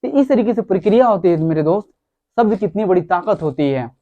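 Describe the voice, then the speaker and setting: A man's voice: sits high, expressive, a little fast, narrow, tinny audio. A man giving a motivational talk who speaks emphatically, repeats his key words and calls his listeners friends.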